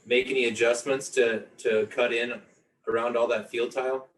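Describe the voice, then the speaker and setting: A man's voice: medium pitch, little pitch movement, normal speed. A man asking casual questions as a visitor on an informal tour. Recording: echoey room, far from the mic.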